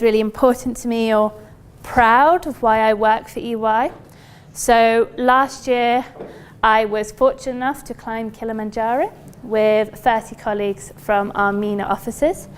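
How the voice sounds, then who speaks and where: A company recruiter from the United Kingdom, speaking with a British accent, presents an informal and chatty workshop to an audience in a university lecture room. She has a smooth voice that leans high.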